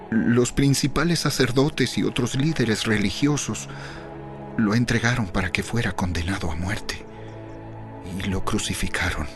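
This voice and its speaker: A male actor plays a sorrowful disciple in a Bible audio drama. His medium-pitched voice is earnest and measured, with faint music underneath. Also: close to an everyday voice. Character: sorrowful male disciple recounting dashed hopes.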